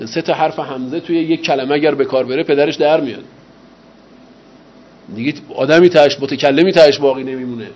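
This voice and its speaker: Lecturing man, questions to class. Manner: asks rhetorical questions and answers them himself; lively pitch and loudness, slows for emphasis. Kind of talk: university lecture on rhetoric. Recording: slightly dull, faint ambient noise.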